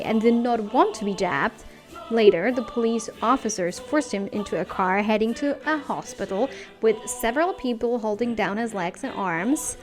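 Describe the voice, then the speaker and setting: A young woman from Slovakia talks frankly in a casual video rant, full of fillers and restarts. Her voice sits at a middle pitch for a woman, and music plays clearly behind her. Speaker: vlogger.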